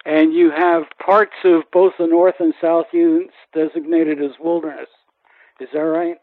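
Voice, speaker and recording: A man with a fairly high voice hosts a radio interview, speaking at a moderate pace with a flat delivery. His questions are conversational and inquisitive, and he often slips in brief acknowledgements. The recording sounds dry and narrow, like a phone line.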